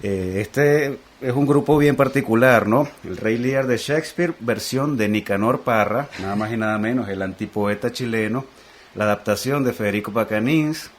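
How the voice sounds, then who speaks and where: A man co-hosting a radio arts show, briskly announcing credits and steering the interview. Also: mid-range voice. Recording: faint noise, radio studio.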